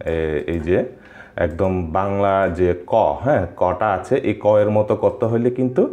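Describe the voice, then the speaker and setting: A man teaching a language lesson, pausing often with fillers and checking in with his listeners. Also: sits low, fairly even intonation, mellow, reverberant, lo-fi sound. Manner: hesitant, many filler sounds, checks in with listeners.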